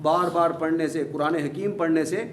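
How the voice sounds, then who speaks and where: A man's voice: on the high side, fairly even intonation, crowd noise. Patient male teacher in an echoey classroom. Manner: repeats key points patiently, encouraging. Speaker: Arabic grammar teacher. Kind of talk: classroom lecture. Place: classroom with students. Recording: echoey room, faint background hum.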